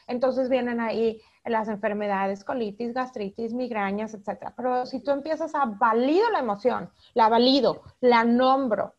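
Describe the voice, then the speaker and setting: High-voiced Mexican woman psychologist, lo-fi. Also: normal speed, few pauses. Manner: warm, explanatory, acts out quoted speech. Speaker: psychologist guest. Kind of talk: interview answers.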